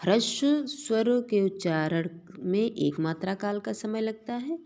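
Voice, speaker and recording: A woman teaching Sanskrit grammar in a slow classroom lecture, reciting verses and then explaining them step by step. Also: medium pitch, expressive, dark tone.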